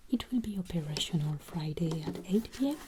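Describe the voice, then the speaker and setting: A woman playing a gentle, courteous fantasy travel agency assistant in a breathy, soothing whispered role-play. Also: lowish voice, lively intonation, noisy background, close to an everyday voice. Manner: slow, soothing, gently attentive. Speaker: ASMR performer.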